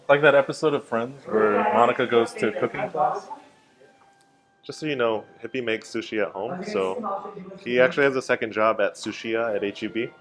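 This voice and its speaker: Male vlog host, jokey and relaxed, mid-range voice, crowd noise around him. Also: mid-range voice. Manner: joking, laughs often. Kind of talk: casual vlog chat. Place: cruise ship cooking class and bar. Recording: busy crowd chatter behind.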